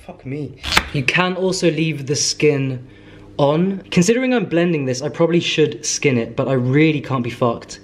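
A man's voice: on the high side, normal speed, background noise. A man in his thirties with a British accent, chatting casually and self-mockingly to a handheld camera in his home kitchen and living room. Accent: British English. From United Kingdom. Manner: rambling, self-mocking, talks straight to camera. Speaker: vlogger. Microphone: handheld camera at arm's length. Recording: echoey room.

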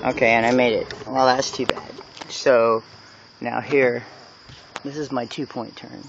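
A man vlogging playfully while driving a golf cart outdoors, goofy and excitable, with whoops and laughs. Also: mid-range voice, unhurried, vocal fry. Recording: dull lo-fi sound with cart noise.

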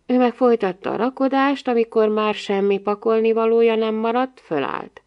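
A woman's voice: on the high side, highs cut off. Wry woman reading an audiobook. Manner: wry, lively first-person storytelling. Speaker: audiobook narrator. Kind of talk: storybook narration.

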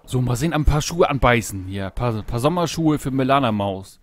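A man casually commenting on his gameplay while fishing, talking to himself, greeting animals in the game, and yelping excitedly at each catch. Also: mid-range voice, fairly quick. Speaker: Let's Play host. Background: background game music.

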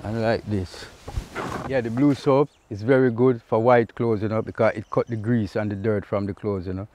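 This middle-aged Jamaican-accented vlogger speaks in a lowish, darkish voice at normal speed with fairly even intonation. Relaxed and repeating "you know" often, he walks through a task beside a river in a casual how-to vlog, with a little background noise.

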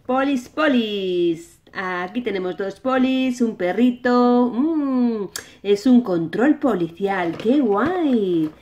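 A woman's voice: a little high, expressive, slow pace, dark tone, lo-fi sound, slight background noise. A woman with a Spanish accent from Spain hosting toy play for young children, sing-song and full of exclamations. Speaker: host of a children's toy channel.

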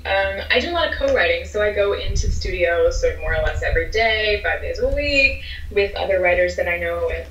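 Joining a casual interview from a room at home, a young Philadelphia singer-songwriter speaks at medium pitch with a softened American accent, upbeat and chatty, gesturing along. Her wireless earbuds on the video call give a distant, roomy, muffled sound.

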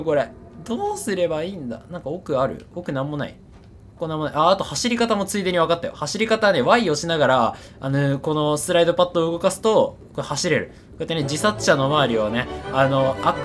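A man's voice: fairly high pitch, fairly bright tone. A man giving casual, chattery game commentary, repeating his words and poking fun at himself. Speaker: horror game streamer.

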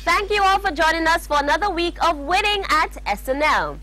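A young woman presenting a scripted televised lottery draw, announcing numbers in a formal, measured way. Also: extremely high pitch, expressive, sharp tone. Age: young adult. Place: TV studio. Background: faint music.

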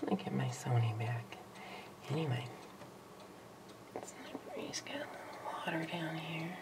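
A young woman talks slowly and gently on a home camera, often dropping to a whisper and coaxing with a light giggle. Her voice sits a bit low for a woman. A steady hiss of background noise runs under the recording. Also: creaky. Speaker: animal caretaker filming a pet lizard. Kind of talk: casual home video narration.

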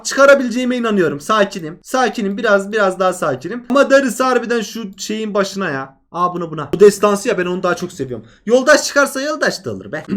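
A man giving casual commentary on a mobile game, talking straight to viewers, excitable and cursing freely at bad luck. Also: high-pitched.

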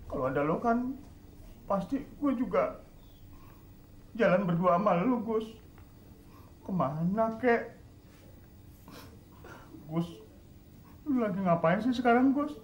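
A man's voice: high-pitched, animated, slow, pauses often. A man playing a whiny, pleading household servant in a sitcom. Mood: lonely. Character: whiny young male servant left home. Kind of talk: sitcom acting. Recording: roomy set sound.

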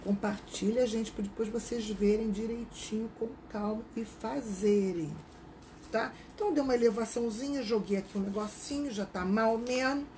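A woman's voice: on the high side, normal speed, a little mellow, a little hiss or hum, rough recording. A woman with a Rio de Janeiro accent, teaching a live craft class in a chatty, casual way and greeting viewers by name. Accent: Rio de Janeiro Portuguese.

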